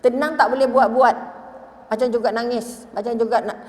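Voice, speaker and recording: A woman's voice: a little high, steady tone, normal speed, a little mellow. A middle-aged woman with a Malaysian Malay accent giving a religious lecture, telling stories, acting out voices and asking her listeners questions. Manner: storytelling, acts out quoted voices, asks the audience questions. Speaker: religious teacher. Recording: echoey hall with long reverb.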